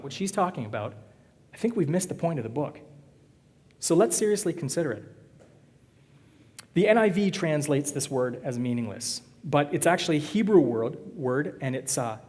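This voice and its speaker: A man's voice: fairly high pitch, a little mellow. Joking male pastor in a reverberant church. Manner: conversational, joking with the congregation. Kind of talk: sermon. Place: church sanctuary. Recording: long reverb of a church hall.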